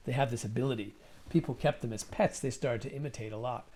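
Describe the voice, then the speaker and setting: A man's voice: mid-range voice, fast talker, darkish tone. A man in conversation as an interview guest, talking in a thoughtful, rambling way and often repeating words while he thinks. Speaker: musician and guest.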